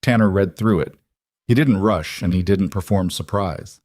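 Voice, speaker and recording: Male narrator for a frontier story, unhurried and even, deep and dry. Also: no echo. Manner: steady, unhurried. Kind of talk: scripted western story narration.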